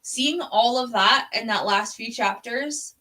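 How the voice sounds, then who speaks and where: A young woman hosts a live book club show, chatting casually about books and gushing with sweary, fan-like enthusiasm. Her voice is on the high side, pushed and bright, and she speaks slowly.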